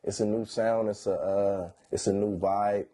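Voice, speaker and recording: A man's voice: lowish voice, fairly even intonation, a little slow, warm tone. A thirty-year-old man, talking in a stoned, laid-back slangy drawl in a casual interview. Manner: stoned, laid-back slangy drawl with frequent "you know what I'm saying". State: high on weed. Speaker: R&B singer being interviewed.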